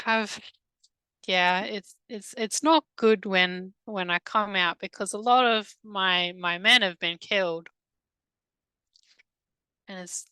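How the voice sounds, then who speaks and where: A woman recounting a past-life regression under hypnosis, halting and hesitant, with many restarts, in a soft, subdued voice. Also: medium pitch, clear, resonant tone, dry recording, poor audio. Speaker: hypnosis client.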